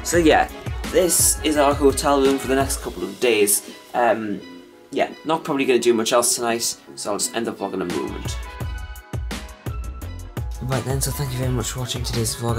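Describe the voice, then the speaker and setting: A man's voice: mid-range voice, gravelly. Young man, casual vlog, rambling, lots of ums, arm's-length camera, music underneath. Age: young adult. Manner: chatty, rambling with many ums. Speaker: vlogger. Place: indoors and outdoors while travelling, hotel room. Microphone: handheld camera at arm's length.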